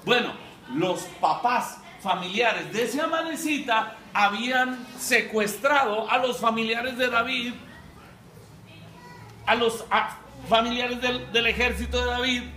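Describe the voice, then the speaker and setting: A man's voice: extremely high pitch, a little slow, pushed and bright, slight background noise. A man preaching a sermon as a dramatic storyteller, acting out voices and calling for amens. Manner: dramatic storyteller, acts out quotes, calls for amens. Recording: echoey hall, mic at a distance.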